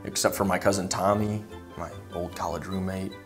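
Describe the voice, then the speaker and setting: A woman playing a deadpan, earnest conspiracy-theorist saleswoman in a comedy sketch, with a low voice. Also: normal speed, soft background music.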